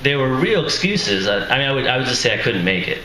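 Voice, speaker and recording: Medium in pitch, with big swings in intonation, a quick pace, and a bright, forceful tone, a man introduces his book at a live reading. He stays casual and self-deprecating, chuckling as he goes, though his voice is strained and weary. The room is echoey and noisy.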